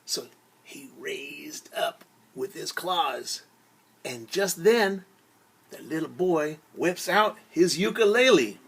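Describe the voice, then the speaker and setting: This time the man's voice runs on the high side, animated and creaky with a breathy edge, as he tells children a story in a teacher's role. Theatrical throughout, he acts out shouts, whispers and sound words, stopping to give simple explanations of words and to invite everyone to join in. The session blends lively storytelling, singing and word explanations.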